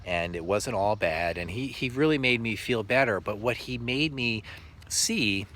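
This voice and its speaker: Teacher guy, kinda low voice, earnest and halting, slight hiss behind him. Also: a bit bright. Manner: earnest, halting, with frequent pauses. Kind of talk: reflective storytelling monologue.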